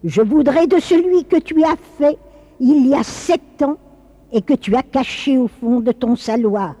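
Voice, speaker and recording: A woman's voice: on the high side, fairly even intonation, slow, dark tone. Woman reading as a commanding old bishop in a legend; firm, raised and insistent, long reverb. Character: stern old male saint, commanding bishop.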